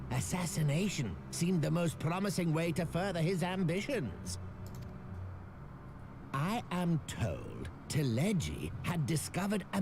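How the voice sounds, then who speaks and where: A man's voice: a little high, noisy background, exaggerated voice. A man playing a smug, scheming merchant magnate in a video game, with a pompous, oily grand-vizier delivery and archaic, formal phrasing. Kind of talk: scripted game dialogue, archaic formal diction. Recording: music behind the voice.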